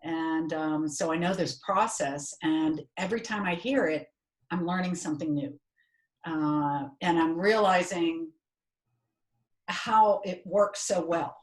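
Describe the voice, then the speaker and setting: A woman taking part in a workshop, sharing a comment in a reflective way with frequent pauses. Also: deep voice. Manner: reflective, pausing often. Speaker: workshop participant. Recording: echoey room.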